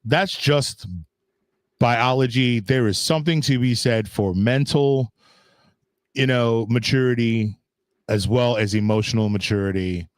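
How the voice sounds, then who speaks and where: A man's voice: medium pitch, fairly even intonation, measured pace, clean tone, dry recording, studio quality. A man in his fifties co-hosting a casual talk show, rambling with lots of fillers and restarts. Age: 50s. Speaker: podcast co-host. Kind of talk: casual chat.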